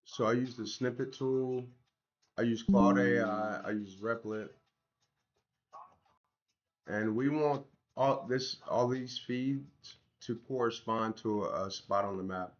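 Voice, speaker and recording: This livestream host, working on an app, is a man with a medium-pitched voice who speaks slowly and chats casually with viewers in slang, addressing them directly. Tonsillitis has left his throat sounding sore and swollen, not quite recovered, and the sound is lo-fi.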